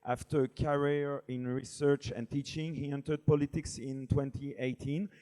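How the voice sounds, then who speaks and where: Mellow French-accented moderator, formal. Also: male voice, medium pitch, steady tone, normal speed, poor audio. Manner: formal introductions, non-native phrasing.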